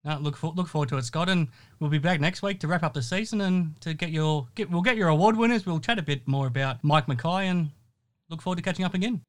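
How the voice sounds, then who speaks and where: A man's voice: on the high side, fast talker. A man with an Australian accent, hosting a basketball show as a casual interview.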